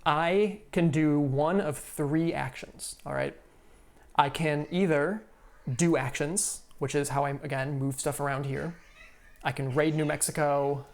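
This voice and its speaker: A man's voice: on the high side, steady tone, a little slow, creaky, a little mellow. A man streaming live from home, explaining a solo board game in an easygoing way and thinking aloud with lots of fillers. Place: home room.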